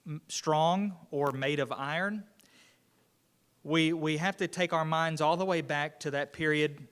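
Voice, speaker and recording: A man whose voice sits on the high side, with a fairly bright tone, leads an unscripted Bible class. He talks conversationally, often restarting sentences and using lots of fillers.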